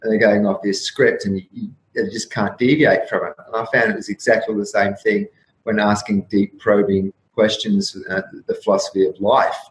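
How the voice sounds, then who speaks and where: Low-voiced man in his fifties, roomy sound. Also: little pitch movement, moderate pace. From Australia. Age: 50s. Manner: reflective, rambling, with frequent restarts and soft laughs. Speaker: guest. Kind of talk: casual interview talk. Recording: roomy echo with faint room noise.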